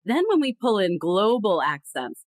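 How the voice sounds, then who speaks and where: A woman's voice: mid-range voice, moderate pace, no echo, low-quality recording. A woman guest on a podcast interview, talking emphatically and expressively about communication. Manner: emphatic, expressive, lively storytelling. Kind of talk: conversational interview.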